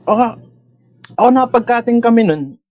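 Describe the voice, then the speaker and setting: A man chatting casually and playfully with friends, now and then jumping into loud mock voices. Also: very high voice, expressive, normal speed, no room sound. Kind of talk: casual chat.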